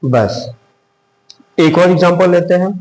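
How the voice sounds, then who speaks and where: Slow man teaching math. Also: high-pitched, darkish tone, roomy sound, rough recording. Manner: slow, step-by-step explaining with rhetorical questions. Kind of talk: blackboard math lesson.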